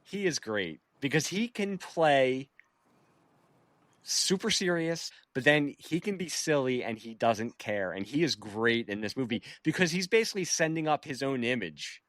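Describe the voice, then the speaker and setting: A man's voice: mid-range voice, lively intonation, normal speed, a bit bright, no echo, studio quality. A man from Philadelphia hosting a podcast, eagerly rattling off movie trivia in casual chat. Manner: trivia-laden, eager, chuckling. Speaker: podcast host.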